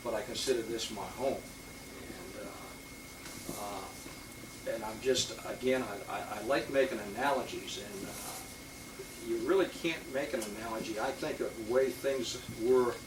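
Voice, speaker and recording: A man's voice: mid-range voice, a little slow. Man rambling through a history talk. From Boston, Massachusetts. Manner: rambling, many fillers and restarts. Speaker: police lieutenant giving a talk. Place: historic house meeting room. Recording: roomy, distant mic with loud hiss.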